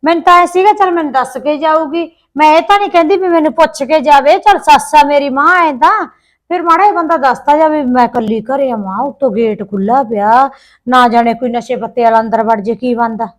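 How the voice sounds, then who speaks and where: Here a woman's high-pitched, brisk voice carries a lightly acted performance. She is an actress in a village short film, playing a chatty, complaining married daughter with a Punjabi accent who gripes about her mother-in-law.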